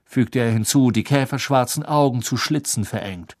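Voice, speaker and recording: A man's voice: mid-range voice, moderate pace, darkish tone, no echo. Man narrating a storybook, dry close sound. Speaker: audiobook narrator.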